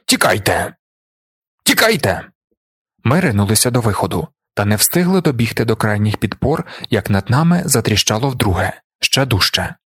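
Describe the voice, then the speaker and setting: A man narrating an audiobook in a steady, measured way. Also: lowish voice, breathy edge, dry recording.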